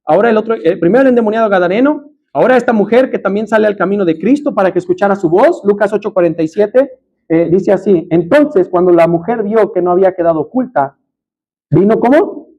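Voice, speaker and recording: A man's voice: high voice, fast, dark tone, muffled recording. A man with a Mexican Spanish accent preaching a sermon in church, emphatic, often calling out to the congregation as brother.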